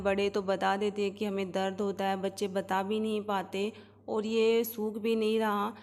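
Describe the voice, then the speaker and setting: Woman, home vlog narrator, steady monotone delivery, soft fillers, long room reverb. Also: medium pitch. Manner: calm, explanatory, with soft hesitation fillers. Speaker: mother vlogging her baby's routine. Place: indoors at home.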